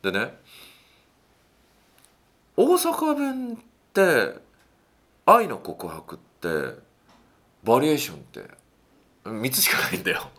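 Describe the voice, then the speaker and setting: A man talking through dating advice in a casual monologue, animated and acting out little quotes, with a self-affirming "un" between points. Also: slow, long pauses. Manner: animated, swoops widely in pitch, acts out quotes.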